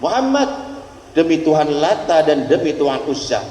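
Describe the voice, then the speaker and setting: A man's voice: fairly high pitch, very animated, moderate pace, mellow, slight background noise. A man voicing a defiant, scornful Bedouin man throwing out a challenge. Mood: taunting. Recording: echoey hall, distant mic.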